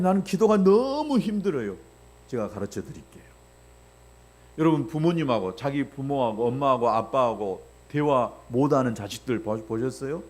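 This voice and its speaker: A male pastor delivering a sermon. He asks the congregation rhetorical questions and acts out little voices along the way. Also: medium pitch. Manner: animated preaching with rhetorical questions, acting out voices.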